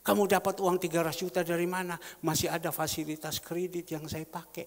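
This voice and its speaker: A man preaching a sermon with personal testimony, swinging between loud exhortation and hushed storytelling. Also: a little high, little pitch movement, a little fast. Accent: Indonesian. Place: church hall. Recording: reverberant church hall.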